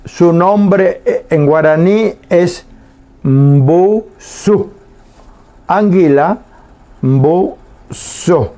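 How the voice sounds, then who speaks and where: A man teaching a language lesson on the radio, saying each word slowly and repeating it twice with pauses. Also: sits high, dark tone. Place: radio studio.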